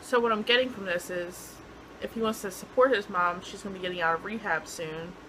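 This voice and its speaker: Woman, casual recap co-host, joking, mid pitch, noisy recording. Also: brisk. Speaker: podcast co-host.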